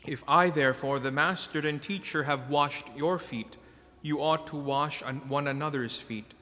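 A priest, a man, reads scripture and preaches in a measured, solemn manner, his voice pitched a little high for a man. Every phrase rings out in a cathedral echo as it trails off through the large church. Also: pushed and bright. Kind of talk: liturgical reading and homily. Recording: long church reverb in a large hall.

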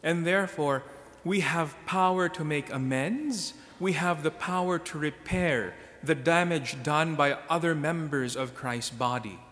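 A priest, a man, reads scripture and preaches in a measured, solemn manner, his voice pitched a little high for a man. Every phrase rings out in a cathedral echo as it trails off through the large church. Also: a bit bright. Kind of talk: liturgical reading and homily. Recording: long church reverb in a large hall.

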